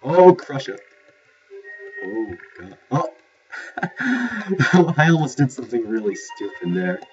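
A man talking through a platform game in casual, self-mocking commentary, his pitch bouncing widely as he reacts. The sound is dull and lo-fi, with the game's music playing clearly underneath. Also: very animated, slow pace. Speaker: let's play commentator.

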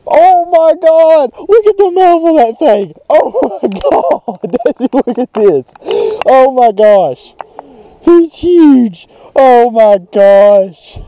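A young man, vlogging excitedly while fishing at a rural pond, recorded on a chest-mounted action camera. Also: extremely high pitch, extremely slow, highs cut off. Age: young adult. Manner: excitable, shouts with joy over big catches. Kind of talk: casual vlog narration while fishing. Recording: faint outdoor noise, action camera.

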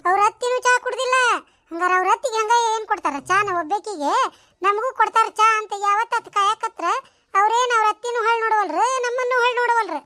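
A woman voicing shrill gossiping village women. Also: sharp tone. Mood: bickering. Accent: North Karnataka Kannada. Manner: quick scolding village banter, exclamatory. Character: bickering gossipy village women, nosy and sharp-tongued. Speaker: voice of a cartoon series. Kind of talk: village gossip cartoon voice acting.

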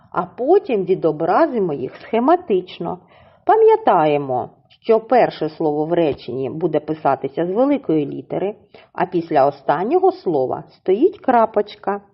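A woman teacher leads a slow, careful reading lesson and breaks words into syllables. Her voice is husky and slightly low, and it swings widely in pitch. The recording sounds dull and lo-fi. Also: very animated. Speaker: primary school teacher.

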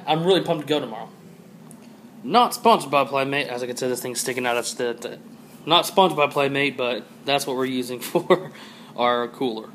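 With slight hiss or hum on the recording, a man from Georgia holds a camera and chats for his vlog. Upbeat and repetitive, he rambles casually in a mid-range, fairly bright voice.

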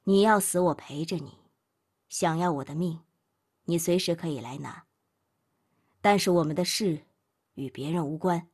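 Give me a woman playing a furious, worn-out young man in an audiobook, his voice pushed down well below her own and slightly husky. He speaks in hard, clipped bursts that turn coldly resigned. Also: fairly low pitch, moderate pace, long pauses, darkish tone, voice pushed down. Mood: cold despair. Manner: harsh, clipped, then bitterly pleading. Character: angry young man breaking up, cold and exhausted.

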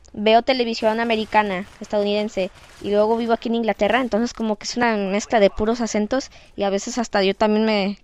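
A teenage girl with a Mexican Spanish accent, talking in a chatty, lively, self-mocking way in a casual vlog. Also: on the high side, clear, resonant tone. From Canada. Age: teens. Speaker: vlogger.

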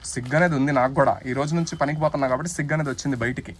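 A man's voice: medium pitch, steady tone, racing. A man doing comic banter in a playful, teasing, mock-indignant way, with faint background noise. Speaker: comic vlogger.

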